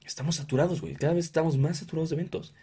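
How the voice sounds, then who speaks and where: Swearing Mexican guy ranting, husky dark voice. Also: on the high side, racing. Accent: Mexican Spanish. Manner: profane, ranting, animated impressions of others. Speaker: podcast host. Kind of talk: casual comedic monologue.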